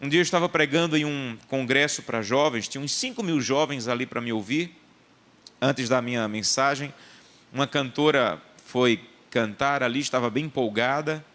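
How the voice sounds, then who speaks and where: A man's voice: medium pitch, moderate pace, a bit bright. A male pastor delivering a sermon, emphatic and repetitive, mixing personal anecdotes with scripture teaching.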